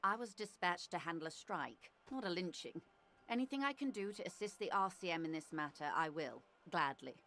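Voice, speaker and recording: Polished corporate negotiator. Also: female voice, on the low side, lively intonation, brisk, bright, forceful tone. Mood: courteous. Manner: polished, courteous, diplomatic. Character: poised female corporate negotiator, smooth and polite.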